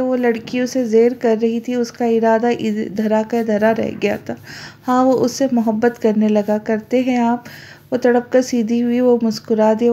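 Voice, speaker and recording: A woman reading a romance novel aloud, voicing every character in the same even reading voice. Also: on the high side. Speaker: novel reader.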